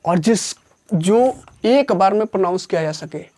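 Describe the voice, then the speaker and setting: A grammar teacher giving a classroom lesson, repeating each point and slowly dictating definitions word by word. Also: medium pitch, a little mellow. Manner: repeats points and asks questions before answering them.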